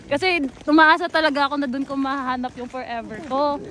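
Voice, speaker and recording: A woman's voice: high voice, fast talker, crowd noise. A young woman from the Philippines, an employee on a company trip, chatting casually and protesting sheepishly outdoors at a tourist site. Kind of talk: casual chat.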